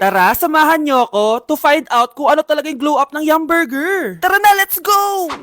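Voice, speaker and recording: High, chatty woman food vlogger. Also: a bit bright. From Philippines. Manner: chatty, upbeat, talks to viewers. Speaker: content creator. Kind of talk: casual food vlog.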